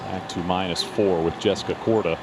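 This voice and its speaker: A man's voice: low voice, steady tone, fairly quick, very noisy. A man hosting a golf broadcast with live play-by-play commentary. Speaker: lead golf broadcast host.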